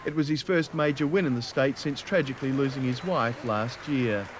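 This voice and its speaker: A man's voice: medium pitch, moderate pace, over a noisy crowd, heavy background noise. A man with an Australian accent hosting a sports show, reading scripted sports news.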